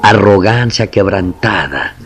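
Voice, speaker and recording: A man's voice: fairly low pitch, lively intonation, takes it slowly, slight background noise. A man preaching a sermon in Spanish, impassioned, building emphatic lists and calling his listeners brother.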